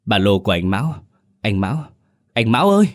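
A man's voice: fairly low pitch, animated, a little fast, no room sound, studio quality, natural voice. A man voicing a terrified young village woman in a ghost story audiobook, crying out shrilly in panic. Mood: panicked crying.

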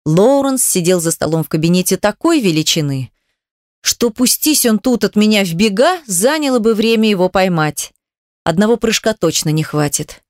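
A woman's voice: mid-range voice, lively intonation, moderate pace, dry recording. Woman narrating an audiobook, dry close sound. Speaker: audiobook reader. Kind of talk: scripted first-person novel narration.

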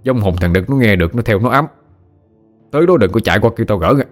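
A man voicing a firm older village man calming a quarrel, in a read-aloud ghost story. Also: on the low side, quick pace, soft background music, natural voice. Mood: admonishing. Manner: firm, admonishing.

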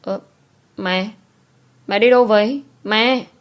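A woman's voice: lowish voice, moderate pace, lightly acted. A woman voicing a young unmarried daughter who coaxes and pleads with her mother. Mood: pleading. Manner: whiny, coaxing.

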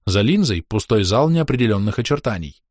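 A man's voice: fairly low pitch, big pitch swings, fairly quick, a little mellow, dry recording. A man narrating a first-person audiobook in a dry, weary, wry manner.

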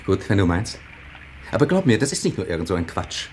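A man's voice: lowish voice, very animated, fairly quick, slight background noise, low-quality recording. An actor playing an earnest young man in a radio play, who coaxes and pleads persistently. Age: young adult. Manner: coaxing, insistent.

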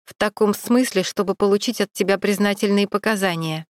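A woman's voice: mid-range voice, steady tone, brisk, no room sound, clean studio sound, natural voice. Stern police captain, as a woman reads him. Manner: cold, pressing, ironic. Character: stern middle-aged male police captain.

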